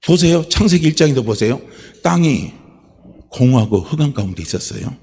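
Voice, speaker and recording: Husky-voiced male pastor preaching in a hall. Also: expressive, brisk. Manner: swings from low murmurs to loud, shouted declarations. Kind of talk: sermon. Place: church sanctuary.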